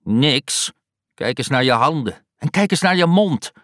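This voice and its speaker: A man doing a shrill old aunt, scolding and fond. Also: animated, a little slow, a bit bright, no echo, clean studio sound. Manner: shrill, exasperated scolding, pious sighing. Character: scolding old aunt, fussy yet soft-hearted. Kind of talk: audiobook reading.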